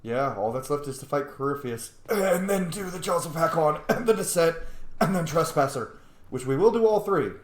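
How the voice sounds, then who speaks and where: A video game streamer and role-player gives casual, jokey commentary on a playthrough, slangy and chatty. His voice sits a little high, expressive, at a moderate pace, captured on a microphone in an echoey room.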